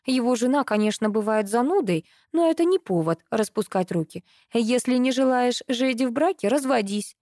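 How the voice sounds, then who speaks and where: A woman reading the lines of an excitable, quick-witted woman amateur sleuth in an audiobook, speaking in a lively, emotional way. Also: fairly high pitch, no echo, studio quality, pitched above the performer's own voice, natural voice. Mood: animated.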